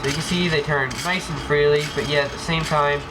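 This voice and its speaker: His pitch is fairly high and his intonation fairly even as this airsoft gearbox demonstrator speaks a little fast. He has a cold and rambles through a casual hands-on tutorial on an indoor floor, with lots of ums and restarts, in a noisy home video with clicks.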